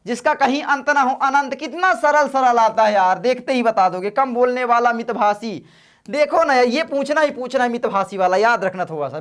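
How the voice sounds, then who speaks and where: A man tutors students through an exam paper in a loose, conversational way, peppering his explanations with quick check-ins. He stays easygoing and encouraging. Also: extremely high pitch, a bit bright. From northern India. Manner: casual, chatty, addresses students as brothers. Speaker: teacher.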